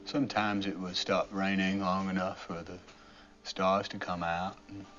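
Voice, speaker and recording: An actor playing a gentle, slow-witted Southern man reminiscing, with a lowland South Alabama accent and a halting, wistful way of talking. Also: little pitch movement. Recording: dull film audio with music.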